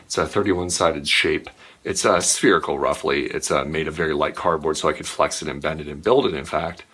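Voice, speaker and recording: A man in his forties giving a rambling late-night tour of his game and art room in a low, sleepy voice, with many ums and uhs. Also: brisk, pushed and bright, breathy edge. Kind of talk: rambling home tour narration.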